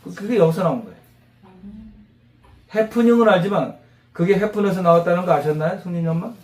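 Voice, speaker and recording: A man teaching English vocabulary to a class of mothers, animated, quizzing them and drilling repetition. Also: high voice, fast talker. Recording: roomy classroom echo.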